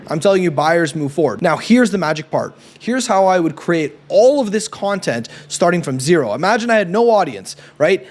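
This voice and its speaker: A man from Canada, in his thirties, speaks straight to camera as a business coach. His voice sits high for a man. He drives each point home with emphatic, persuasive energy and tags lines with a quick "right?". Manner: emphatic and persuasive, often adds a questioning "right?". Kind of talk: direct-to-camera coaching talk.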